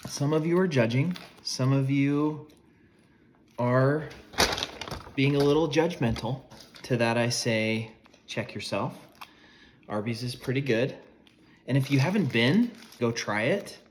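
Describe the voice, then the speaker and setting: A man's voice: medium pitch, measured pace, pauses often, noisy background. A man in his forties giving a casual food review, chewing as he talks between bites.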